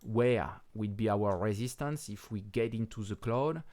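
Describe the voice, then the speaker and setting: Here a man whose native tongue is French comments casually on crypto charts in a halting way, restarting often, pausing a lot, and sometimes swearing bluntly. He speaks with a French accent in a voice on the low side and a little mellow.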